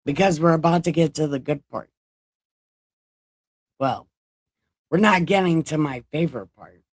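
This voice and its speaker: A woman of about forty reads scripture casually to a live chat, tossing in profane, joking asides between passages. Her voice sits low, her pace is measured, and the recording is dry.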